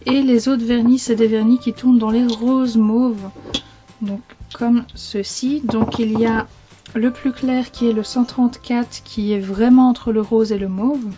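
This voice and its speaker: Belgian French woman, casual vlogger, slightly high, mellow voice, rambling chat with self-corrections, faint music underneath. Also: fairly even intonation, measured pace, muffled recording. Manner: chatty, rambling, frequent self-corrections and fillers. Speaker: beauty vlogger. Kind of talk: casual chatty video.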